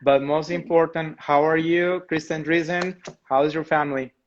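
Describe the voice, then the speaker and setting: Enthusiastic host. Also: male voice, on the high side, steady tone, moderate pace, slight background noise. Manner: enthusiastic, effusive, slightly non-native grammar. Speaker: host, education consultant. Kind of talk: live stream interview. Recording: dull lo-fi live-stream audio.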